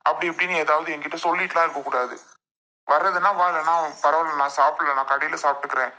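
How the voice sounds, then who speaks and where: A woman's voice: low-pitched, steady tone, quick pace, bright, forceful tone. A performer voicing an impatient, exasperated young husband and son who bickers with his family in a comedy sketch.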